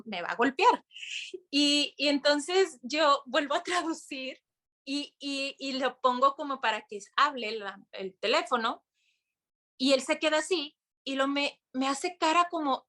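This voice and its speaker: Young woman, podcast guest, high bright voice, animated storyteller acting out quotes. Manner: animated, full of restarts and acted-out quotes. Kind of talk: casual storytelling interview.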